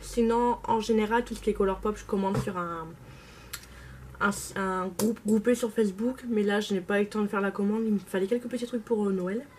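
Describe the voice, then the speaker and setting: A woman's voice: medium pitch, fairly even intonation, a little fast, darkish tone, a little hiss or hum. A young woman vlogging casually about her makeup purchases, gushing and repeating words for emphasis. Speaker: beauty vlogger. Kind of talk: casual haul video chat.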